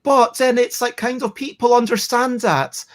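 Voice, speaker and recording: A chatty board game show host talks casually at an ordinary middle pitch, rambling, restarting sentences and poking gentle fun at themselves. The tone stays steady at a normal speed.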